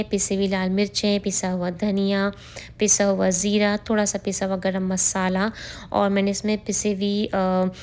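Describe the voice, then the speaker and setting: A middle-aged woman giving a friendly, explanatory voice-over for a home cooking tutorial, sharing tips with viewers. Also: mid-range voice. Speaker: cooking vlogger.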